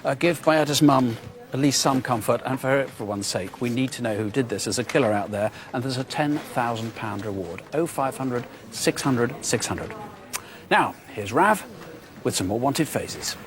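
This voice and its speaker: A man's voice: mid-range voice, expressive, moderate pace, background noise. A man presenting in a television studio, making an earnest appeal to viewers and repeating words for emphasis.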